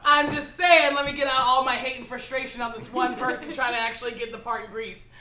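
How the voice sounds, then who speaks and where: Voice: high-pitched, fairly even intonation, fast talker, pushed and bright, echoey room. A co-host and drama teacher chatting in a gossipy, campy way, full of "like" and laughter. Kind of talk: casual group chat, gossipy.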